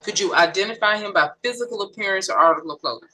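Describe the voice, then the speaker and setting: A woman's voice: mid-range voice, rapid-fire, pushed and bright, low-quality recording. A woman prosecutor questioning a witness in court, methodical and step by step. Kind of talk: courtroom direct examination.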